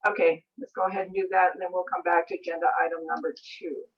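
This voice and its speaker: A woman's voice: fairly low pitch, little pitch movement, fast, highs cut off. An American woman chairing a public board meeting, formally reading out procedure and agenda items into a meeting room mic. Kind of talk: formal meeting procedure, partly read aloud.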